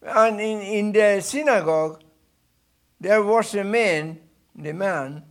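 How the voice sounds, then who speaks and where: A man preaching a sermon in halting, non-native English with many restarts, swinging between loud bursts and low asides.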